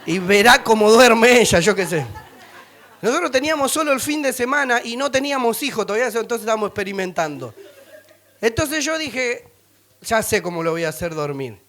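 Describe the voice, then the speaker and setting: A middle-aged male pastor with a Rioplatense Spanish accent and a notably high voice for a man. He preaches with humor, slipping into other people's voices, singing short bits and laughing as he tells family stories. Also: fairly quick, some chatter behind. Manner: animated, acts out voices and sings snippets, laughs often. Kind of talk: humorous sermon storytelling.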